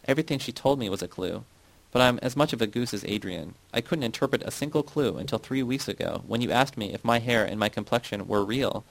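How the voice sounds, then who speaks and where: A man's voice: medium pitch, gravelly, no room sound, close to an everyday voice, rough recording. A man voicing a bitter young woman who speaks coldly and accuses sharply. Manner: shouting, cutting.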